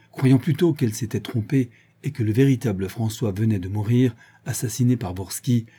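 A male audiobook narrator with a very dark, mellow tone and a husky grain. He reads in a measured, dramatic way. His pitch sits at an ordinary middle. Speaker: audiobook reader. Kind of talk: scripted narration.

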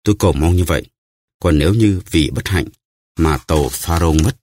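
A man's voice: deep voice, moderate pace, darkish tone, no echo, clean studio sound. A man voicing a ruined, grief-stricken merchant who talks in a choked, solemn way in an audiobook. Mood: grieving.

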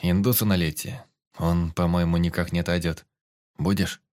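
A man voicing a hot-tempered wounded male fighter who shouts and boasts in a hoarse voice, read in an audiobook. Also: low-pitched, level tone, normal speed, dry recording, studio quality, natural voice. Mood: boastful. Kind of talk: audiobook character reading.

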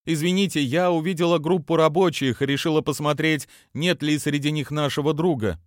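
A male reader voicing a sharp, scheming young woman in a dry, close audiobook recording. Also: fairly even intonation, brisk, dry recording, close to an everyday voice. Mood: hurried. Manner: higher, lighter put-on voice, faking a choked wheeze on the call.

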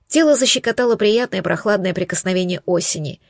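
A woman's voice: medium pitch, fast talker, vocal fry, no room sound, studio quality. A woman narrating a first-person romance novel in an intimate, emotional way. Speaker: audiobook narrator.

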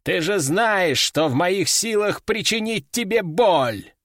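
A man's voice: sits high, animated, slow pace, fairly bright tone, dry recording, studio quality, full character voice. A man voicing a stern, domineering old male sorcerer in an audiobook, giving harsh orders. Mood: commanding. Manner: commanding and harsh. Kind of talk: audiobook character voice.

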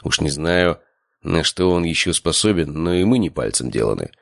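A man narrating a first-person audiobook in an even, steady reading voice. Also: low voice, normal speed, vocal fry, no echo, studio quality.

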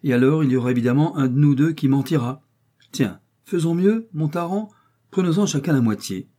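A man's voice: on the high side, expressive, brisk, mellow, pitched above the performer's own voice. A man reading an audiobook, voicing a young male musketeer who speaks coldly and with precise irony. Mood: coolly mocking. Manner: cool, mocking, precise.

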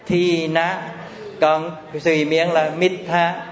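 A man's voice: fairly high pitch, little pitch movement, slow pace. A man teaching Buddhist doctrine in a classroom lecture, repeating key terms and asking his listeners rhetorical questions. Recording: echoey hall, slightly dull with faint hiss.

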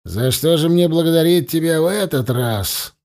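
A man reading an audiobook, voicing a blind captive singer whose hoarse, hissing voice is full of rage. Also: on the high side, lively intonation, normal speed. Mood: bitter hoarse. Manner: bitter, shouting in rage.

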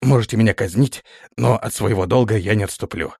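A man's voice: fairly low pitch, fairly quick, gravelly, slightly rough, no room sound, studio quality. A man doing a stiff, dutiful guard officer. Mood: dutiful, formal. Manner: formal, steady, rule-bound address.

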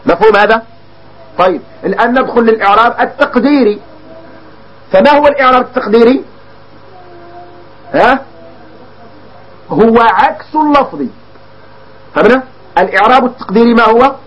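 A man with a Moroccan Arabic accent teaching grammar, repeating definitions slowly and quizzing his students with questions. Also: high-pitched, slightly rough. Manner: slows down to dictate key definitions word by word. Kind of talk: classroom lesson on Arabic grammar. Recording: dull lo-fi lecture recording.

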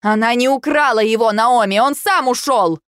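A woman reading an audiobook, voicing a blunt young woman who speaks forcefully and reproachfully. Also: on the high side, moderate pace, no echo, clean studio sound, pitched above the performer's own voice, lightly acted. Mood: angry, reproachful. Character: young woman, blunt, sharp-tongued friend.

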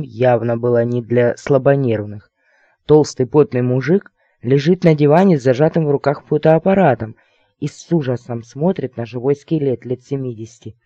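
A man narrating an audiobook in the first person, in a soft, dry reading voice. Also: mid-range voice, no room sound, lo-fi sound.

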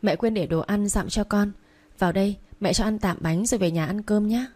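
A woman reading a young mother in an audiobook, coaxing her small son in a soft voice. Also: medium pitch, fairly quick, lightly acted. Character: young mother, gentle and anxious.

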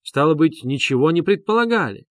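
A man reading an audiobook plays a pompous, fawning gentleman who talks in stiff, obsequious phrases. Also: a little high, sing-song, brisk, dry recording, studio quality, pitched above the performer's own voice. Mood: condescending. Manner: obsequious, sprinkling polite "-s" suffixes.

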